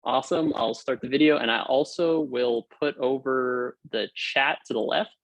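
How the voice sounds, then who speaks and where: A young man from Hawaii gives an informal, upbeat technical talk as a guest lecturer, joining by video call from a home or office room. His medium-pitched voice moves at a moderate pace with frequent fillers and restarts, in a low-quality recording with no echo.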